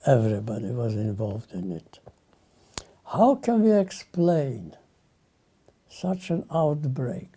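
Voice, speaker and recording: An older man from Lithuania, giving solemn spoken testimony in short, halting phrases. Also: medium pitch, warm tone.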